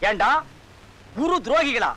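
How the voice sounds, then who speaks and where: A blustering village sorcerer. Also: male voice, very high voice, big pitch swings, measured pace, exaggerated voice. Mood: ranting. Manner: shouting, scolding, insulting. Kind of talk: film comedy dialogue. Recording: old film soundtrack.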